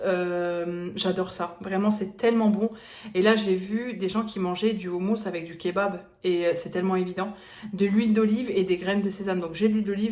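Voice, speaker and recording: A woman's voice: mid-range voice, darkish tone. A young woman chatting casually through a grocery haul vlog, rambling with lots of fillers and restarts. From eastern France. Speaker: vlogger. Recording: echoey room.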